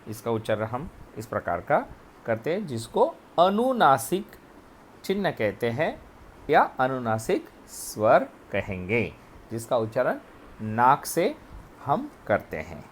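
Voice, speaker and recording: A man teaching a grammar lesson, explaining letters and sounds slowly, step by step. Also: medium pitch, sing-song, slight background noise. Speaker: Hindi teacher. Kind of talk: recorded classroom lesson.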